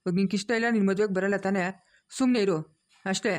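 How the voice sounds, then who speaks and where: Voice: medium pitch, fairly even intonation, fast talker, a little mellow, lightly acted. A performer voicing a stern elderly grandfather in a cartoon family drama, scolding and commanding.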